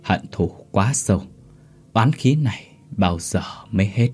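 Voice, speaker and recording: A man's voice: fairly low pitch, expressive, measured pace, darkish tone, husky, faint music behind, exaggerated voice. A man voicing a stern old exorcist master who speaks in grave, solemn pronouncements.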